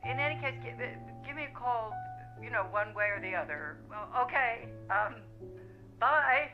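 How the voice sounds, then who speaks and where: A woman's voice: a little high, lively intonation, moderate pace. An actress playing a polite, hesitant female caller leaving a rambling answering-machine message in a film. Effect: answering machine playback. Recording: dull phone-message sound with music.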